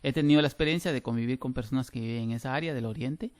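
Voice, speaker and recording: A middle-aged man lectures on grammar over a video call. He talks with animated emphasis and keeps restarting his phrases. The sound is dry and close. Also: mid-range voice, racing, dry recording. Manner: lively, emphatic, with frequent restarts. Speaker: teacher. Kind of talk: online class lecture.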